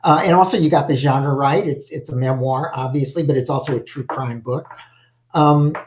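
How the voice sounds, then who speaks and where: An older man, a literary agent, giving halting, rambling feedback on a video call from a home office. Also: medium pitch, fairly even intonation, slight background noise. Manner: halting, lots of 'you know' and restarts. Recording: dull lo-fi video call audio.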